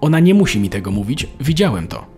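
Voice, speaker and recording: A man's voice: medium pitch, very animated, fast, a little mellow, soft background music, lightly acted. A man voicing a tense, irritable father. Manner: irritable, commanding. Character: anxious, irritable middle-aged father. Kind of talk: storybook narration.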